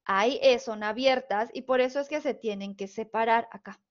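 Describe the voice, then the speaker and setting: High-voiced Mexican woman teaching spelling. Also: normal speed. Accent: northern Mexican Spanish. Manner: patient, explains rules step by step, checks understanding with questions. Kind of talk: online spelling lesson. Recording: dull, lo-fi recording.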